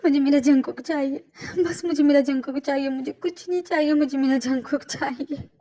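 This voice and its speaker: Woman doing a high sobbing young wife in denial, stammering, pleading, all over the place. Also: expressive, moderate pace. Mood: frantic pleading.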